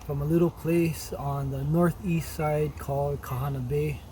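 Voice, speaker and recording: A man's voice: on the high side, fairly even intonation, mellow, slight background noise. A man from Oahu, talking casually in an interview and stopping now and then to find his words. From Oahu, Hawaii. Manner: halting, searching for words.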